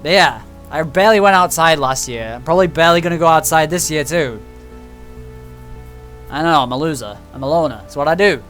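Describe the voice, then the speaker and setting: Casual: gamer dude ranting and cursing over a visual novel, kinda high voice for a guy, game music playing soft behind. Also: animated, a little fast. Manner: swearing, ranting and joking between read lines. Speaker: gaming channel host. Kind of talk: let's play commentary.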